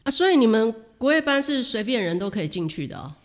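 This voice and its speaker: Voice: medium pitch, sing-song, fast talker. A host asking curious, teasing questions in a casual interview.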